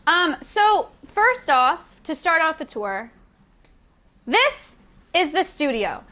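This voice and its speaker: A woman's voice: very high voice, sing-song, slow pace, bright, forceful tone. A young woman hosting a casual streamed vlog and walking viewers through a sanctuary. She talks in an upbeat, chatty way and laughs often. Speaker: sanctuary host giving a tour. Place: indoor studio room.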